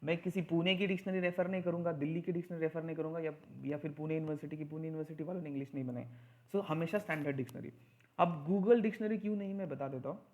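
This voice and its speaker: A man teaching an English grammar lesson in Hindi mixed with English, slowing down to stress key points. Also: on the high side, fairly even intonation, darkish tone.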